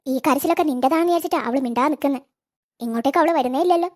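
A woman voicing a sharp-tongued, scornful mother in a cartoon, talking fast. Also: high-pitched, close to an everyday voice. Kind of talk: cartoon voice acting.

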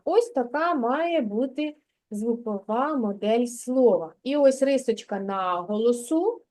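A woman preschool teacher with a Ukrainian accent leads a slow, patient literacy lesson, sounding out words for a child. Her voice is a little high with a dark tone.

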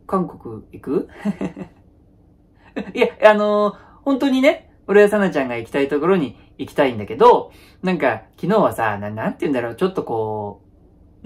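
A man playing a nervously placating young boyfriend. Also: on the high side. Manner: nervous placating repetition of phrases; frequent awkward laughs. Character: young male boyfriend, placating, avoids any conflict. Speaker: comedian. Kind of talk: one-sided comedy sketch.

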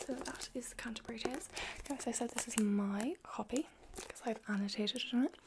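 A young adult woman in a whispered role-play as a chatty librarian, talking in a soft library whisper. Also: a little high, fast talker. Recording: clear background noise.

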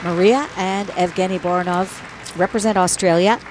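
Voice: mid-range voice, fairly even intonation, moderate pace, a faint crowd, a little hiss or hum. A figure skating commentator who calls out elements and gives a plain, analytical critique of the performance. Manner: analytical and matter-of-fact, naming elements and critiquing choices. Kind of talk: sports commentary.

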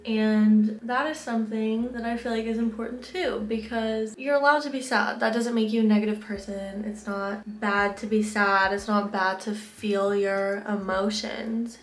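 A woman's voice: mid-range voice, echoey room, slight background noise. A young woman chatting casually while doing her makeup, frank and full of fillers, a bit out of breath. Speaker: vlogger.

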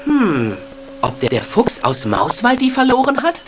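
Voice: mid-range voice, wildly swooping pitch, a little slow, background noise. An actor playing an earnest, curious young boy adventurer who muses aloud in an adventure game. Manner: musing, wondering. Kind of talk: adventure game narration of own thoughts.

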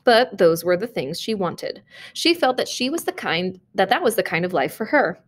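A woman reading a short story aloud, narrating in a measured, expressive way. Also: mid-range voice. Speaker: reader.

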